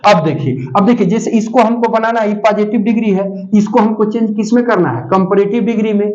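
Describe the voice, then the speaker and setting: A man teaching an English grammar class, who repeats key points, asks students check questions and dictates notes slowly. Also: high-pitched, a little mellow. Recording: dull lo-fi sound.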